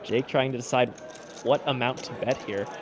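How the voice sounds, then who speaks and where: A man's voice: mid-range voice, steady tone, normal speed, a crowd in the background. A man giving live poker commentary as a stream commentator, explaining the play in an analytical way. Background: poker players chattering.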